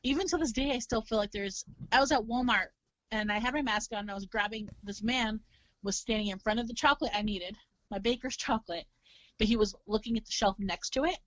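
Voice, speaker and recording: A young woman from California talking as a podcast guest in animated, chatty casual conversation, full of fillers. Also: a little high, fairly quick, no room sound, low-quality recording. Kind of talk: casual chat.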